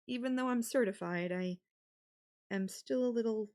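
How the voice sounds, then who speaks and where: A young woman with a slightly high, lightly acted voice plays a sweet, possessive yandere girlfriend in an intimate audio roleplay. Doting and gentle in mood, she speaks softly and haltingly to the listener.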